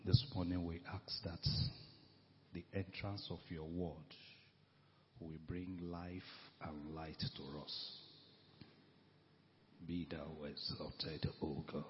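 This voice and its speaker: A man preaching a sermon to his church, slow and emphatic, repeating his key phrases. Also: low-pitched, a little hiss or hum. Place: church hall. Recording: echoey hall, dull lo-fi sound.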